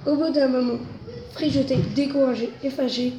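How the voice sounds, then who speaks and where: A woman reads a children's story aloud in a mellow, fairly high voice. Her telling is expressive and builds with the story's tension. The room around her is echoey, with faint background noise. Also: moderate pace, muffled recording. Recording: roomy echo, faint noise.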